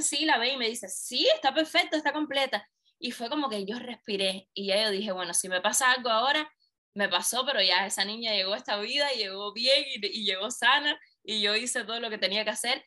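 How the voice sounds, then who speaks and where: A woman guest, telling a personal story in conversation and acting out the dialogue. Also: medium pitch. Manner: animated, acts out quoted dialogue. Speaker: interview guest.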